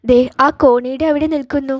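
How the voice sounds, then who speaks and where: A woman voicing a calm, gentle grown man who breaks hard news in a storybook reading. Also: high voice, brisk, no room sound, lightly acted. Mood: subdued.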